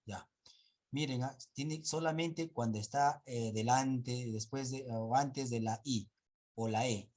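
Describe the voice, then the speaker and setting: A man's voice: mid-range voice, takes it slowly, darkish tone. A male teacher giving a pronunciation class, patiently repeating sounds and checking that students follow. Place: online class in 2021.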